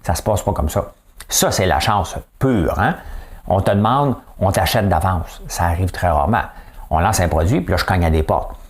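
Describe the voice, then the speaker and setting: A man's voice: low voice, lively intonation, normal speed. A man with a Québécois accent hosting a casual news and business commentary show, chatty and tagging his remarks with rhetorical asides. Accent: Québécois French. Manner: chatty, keeps adding a rhetorical "hein?".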